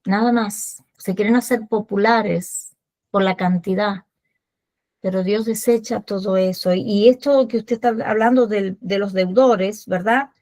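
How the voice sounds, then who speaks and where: A woman's voice: medium pitch, fairly even intonation, measured pace, a little mellow. Earnest woman ministry host. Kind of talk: religious talk show conversation.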